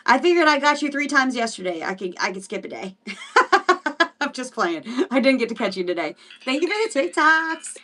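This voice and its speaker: A woman hosts a casual Bible study livestream, teaching in a chatty, rambling way and greeting viewers by name, with frequent fillers and restarts. Her high, sing-song voice sounds pushed and bright, is recorded from a distance, and moves at a normal speed.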